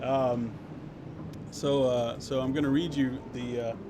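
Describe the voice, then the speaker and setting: A man with a mid-range voice speaks slowly, his pitch barely moving. He's hosting a casual game stream, bantering playfully with viewers and frequently cutting himself off. The background is clearly noisy.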